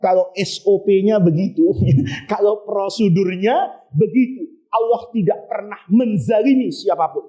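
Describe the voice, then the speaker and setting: A male preacher voicing an anxious, once-poor man who pleads and bargains in a lowered voice. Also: unhurried, dark tone. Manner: plaintive, bargaining.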